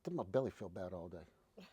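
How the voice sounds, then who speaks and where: A man hosting a casual livestream, talking in a folksy, relaxed way. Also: low-pitched, normal speed, a crowd in the background. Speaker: show host.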